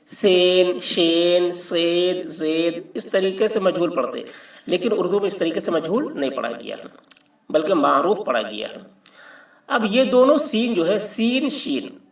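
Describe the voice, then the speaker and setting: A man teaching a patient alphabet lesson, slowly spelling out and repeating each letter. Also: high-pitched, very animated, gravelly, recorded from a distance. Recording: echoey room, mic set back.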